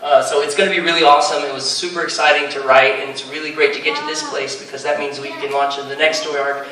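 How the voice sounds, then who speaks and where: A man's voice: on the high side, little pitch movement, fast talker, a crowd in the background. A man, a comic book writer on a panel, talking eagerly and rambling, with many fillers and restarts. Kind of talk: casual panel talk. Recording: echoey hall, speaker far from mic, faint noise.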